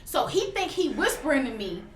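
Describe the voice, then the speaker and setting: A woman tells stories in an animated, teasing way. Her voice sits a touch high and bright. She is recorded from some distance in a roomy space, with a faint hiss behind her. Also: normal speed. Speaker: podcast co-host. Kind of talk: casual chat.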